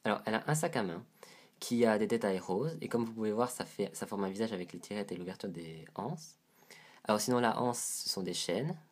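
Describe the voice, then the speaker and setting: Speaking briskly in a voice on the low side, a congested man with a head cold shows a doll to the camera. He turns it over and describes the details, sounding casual and a little unsure.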